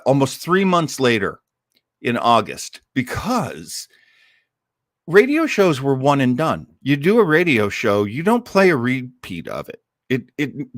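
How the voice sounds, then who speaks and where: Speaking to a live crowd at an old-time radio listening party he hosts, a man gives enthusiastic, digressive, casual commentary with light dramatic flair. His mid-range voice has a fairly bright tone, captured in a clean studio recording with no room sound.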